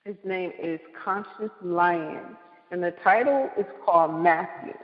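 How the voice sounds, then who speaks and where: A man hosting an online radio show, introducing tracks and callers in a relaxed way. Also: high voice, unhurried. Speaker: host. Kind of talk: casual online radio chat. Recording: muffled, roomy with long reverb.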